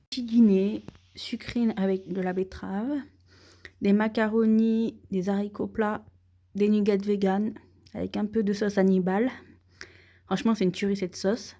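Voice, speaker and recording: A woman's voice: medium pitch, a little mellow. A young woman chatting casually to camera at home as a vlogger, laughing often and swearing lightly. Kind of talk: casual vlog chat to camera. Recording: roomy echoey home recording.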